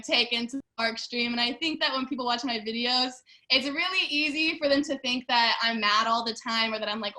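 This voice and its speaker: A young actress chatting in an interview, bubbly and talkative with lots of fillers. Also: female voice, on the high side, sharp tone. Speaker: actress and social media creator. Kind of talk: casual interview chat.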